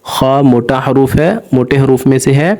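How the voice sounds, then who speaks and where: A man teaching Quran recitation spells out each letter and syllable, then slowly and patiently draws out the joined word. His voice is medium-pitched and darkish, with little pitch movement.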